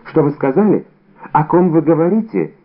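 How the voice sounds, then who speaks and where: A frantic middle-aged haberdasher pleads in a strained, high voice, as a male audiobook reader puts him on. The pitch swoops widely as he protests. The sound is thin and tinny, like a phone line. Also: very animated, normal speed. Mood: desperate pleading. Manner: shrill, pleading, desperate. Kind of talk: audiobook character reading.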